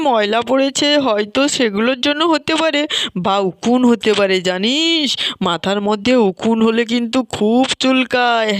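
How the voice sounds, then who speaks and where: A woman's voice: a little high, clear, resonant tone, dry recording, close to an everyday voice. A woman voicing an adult family elder who lectures and fusses over the girls in a doll story. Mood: lecturing. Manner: lecturing, fussing.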